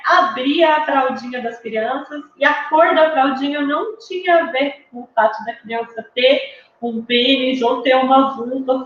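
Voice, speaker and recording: Woman lecturing in a very echoey room. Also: sits high. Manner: explanatory, frequent tag questions, lists of examples. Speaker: psychology lecturer. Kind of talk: recorded online lecture. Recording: very roomy, dull lo-fi sound with faint room noise.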